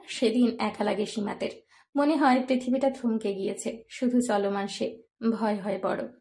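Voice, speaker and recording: A woman narrating a romance story in a soft, even storytelling voice. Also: on the high side.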